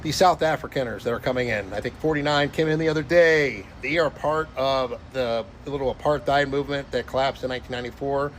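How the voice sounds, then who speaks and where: A man's voice: mid-range voice, a little fast, hardly any pauses, slight background noise. A man on an indignant, profane rant, sharply condemning what he describes. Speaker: social media commentator. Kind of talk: angry rant.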